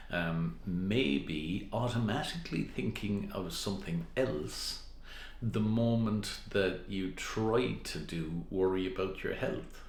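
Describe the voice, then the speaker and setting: A man with a lowish voice talks at a very slow, measured pace, like a hypnotist. He explains things step by step to the listener as a therapist would. The sound is roomy and echoing.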